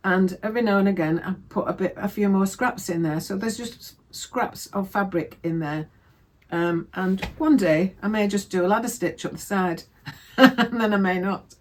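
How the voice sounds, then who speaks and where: A woman from England talks through her sewing projects in a relaxed, meandering way. She wanders off on side notes and stops to correct herself, and her voice sits at an ordinary middle pitch. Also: moderate pace. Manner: chatty, rambling, self-correcting. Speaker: sewing vlogger. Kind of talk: casual crafting chat.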